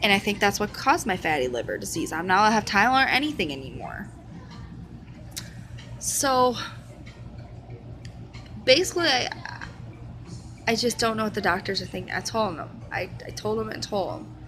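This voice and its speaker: A woman's voice: medium pitch, animated, moderate pace, long pauses, a bit bright, slight background noise, rough recording. A young woman in her twenties talking candidly and casually about her life, rambling with fillers and restarts. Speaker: vlogger sharing her illness. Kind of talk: casual personal talk to camera.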